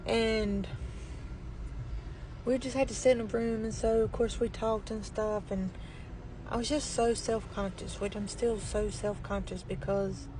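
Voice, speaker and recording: A middle-aged woman chatting casually in a plain-spoken, folksy way, with a weak, barely audible voice that cannot get loud. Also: steady tone, measured pace, background noise. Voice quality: weak, low-volume voice, barely projecting. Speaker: vlogger. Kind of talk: casual chat.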